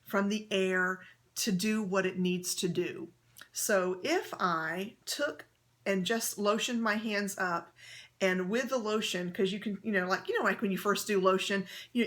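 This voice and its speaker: A woman's voice: medium pitch, fairly bright tone. Chatty woman vlogger with many fillers. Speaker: handbag vlogger. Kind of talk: casual how-to talk to camera.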